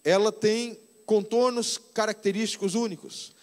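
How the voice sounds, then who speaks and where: A Brazilian man in his fifties, a pastor preaching conversationally and slowing down to stress key phrases. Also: high voice, fairly even intonation, long reverb tail. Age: 50s. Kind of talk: sermon. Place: church hall.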